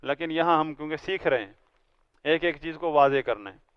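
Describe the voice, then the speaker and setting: A man's voice: a little high, clear, resonant tone, no room sound, highs cut off. A man teaching a language class, patiently explaining each word and having students read aloud. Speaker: Arabic teacher. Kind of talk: classroom grammar lesson.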